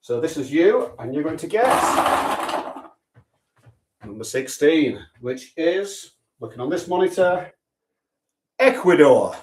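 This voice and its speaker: A man's voice: a little high, sing-song, slow, long pauses, a little mellow, a little hiss or hum. A man talks through a sweepstake draw in a dry, offhand way, cracking small jokes as he goes. He sounds like he's standing back from the camera in an echoey room, his voice a little distant. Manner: dry, chatty, offhand humour. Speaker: sweepstake host. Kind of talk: casual live draw commentary.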